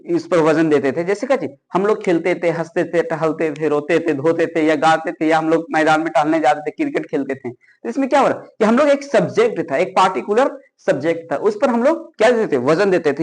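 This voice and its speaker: A man teaches grammar like a classroom lecture. He keeps asking questions and answering them himself, repeating key phrases to drive each point home. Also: a little high.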